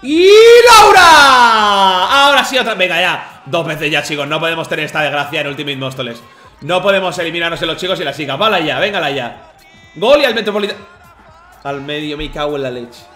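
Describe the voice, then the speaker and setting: A man recapping football matches as excited commentary, emotional and shouting at misses. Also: fairly high pitch, fast talker, reverberant, faint music behind. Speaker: team president and streamer recapping matches.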